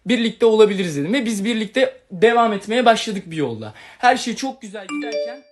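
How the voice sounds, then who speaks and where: A man's voice: high voice, big pitch swings, brisk. A young man talking on a livestream, telling a long personal story in an agitated, rambling way and acting out the quarrels he recounts. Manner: agitated, rambling, retells quarrels with quoted lines. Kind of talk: emotional livestream monologue.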